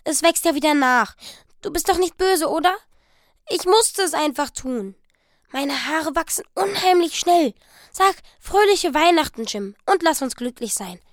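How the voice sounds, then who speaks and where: A woman reading the part of a young wife who pleads eagerly with her husband, her voice raised higher and louder. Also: normal speed, no echo, clean studio sound. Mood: pleading. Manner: breathless, pleading and excited.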